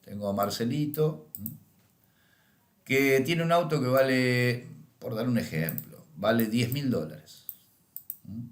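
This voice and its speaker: A middle-aged man with a Rioplatense Spanish accent teaches astrology in a storytelling lecture, his voice sitting at an ordinary middle pitch. He keeps tagging his sentences with a questioning "¿m?" or "¿eh?". The room around him is noticeably echoey. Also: lively intonation, takes it slowly, long pauses. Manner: tags lines with questioning "¿m?" and "¿eh?". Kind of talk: lecture with anecdotes.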